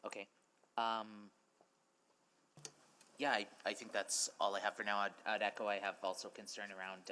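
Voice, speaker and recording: A man city councillor asking halting questions with many pauses at a council meeting in a council chamber. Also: low voice, bright, forceful tone, slight background noise.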